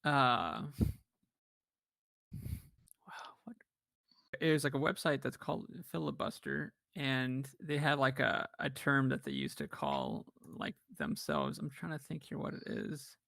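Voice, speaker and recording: A man's voice: mid-range voice, lively intonation, measured pace, gravelly, sharp tone, no room sound. A man acting as game master, chatting and narrating casually with frequent fillers. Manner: rambling, many fillers and laughs.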